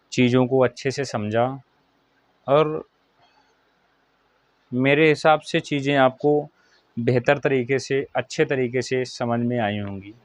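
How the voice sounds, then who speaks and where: A man's voice: medium pitch, no room sound. Man teaching a dictated grammar lesson. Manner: repeats questions and answers them himself, dictating slowly. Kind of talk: Hindi grammar lesson for children.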